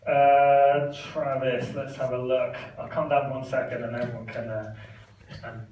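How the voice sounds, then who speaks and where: A man's voice: medium pitch, little pitch movement, a little slow, dull audio. A man performing stand-up comedy with magic tricks, chatty and self-deprecating, often laughing at his own stories. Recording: echoey room, mic from far off, noisy.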